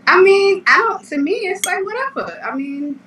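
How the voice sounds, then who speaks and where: A woman's voice: very high-pitched, animated, normal speed. A woman co-hosting a podcast, chatting in a laid-back, matter-of-fact way. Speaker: podcast co-host. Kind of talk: casual chat. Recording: echoey distant mic with background noise.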